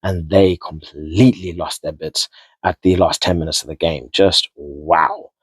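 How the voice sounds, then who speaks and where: Low-voiced man chatting through a rugby recap. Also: fairly even intonation, a little slow, slightly rough, no room sound. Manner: chatty, rambling, repeats and restarts words, mild swearing. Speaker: rugby vlogger. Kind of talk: casual spoken match recap.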